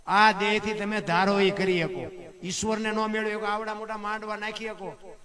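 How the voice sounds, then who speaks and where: Male storyteller, high voice, live stage mic with a crowd behind him, preaching to listeners as "bapu". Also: fairly even intonation, normal speed. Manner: keeps addressing listeners as "bapu", asks rhetorical questions. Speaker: folk storyteller. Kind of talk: live folk tale telling with moral preaching. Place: stage before a seated audience. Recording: live audience crowd audible.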